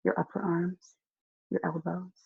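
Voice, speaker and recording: A hypnotist guiding a listener through slow, soothing relaxation, giving soft instructions with long pauses. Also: mid-range voice, flat delivery, gravelly, husky, no room sound, narrow, tinny audio. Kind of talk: guided relaxation hypnosis script.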